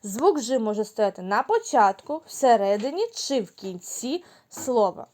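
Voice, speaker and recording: A woman teaching a phonics lesson to small children, giving slow, clear, sing-song instructions. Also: a little high, big pitch swings, a little mellow. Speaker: kindergarten teacher.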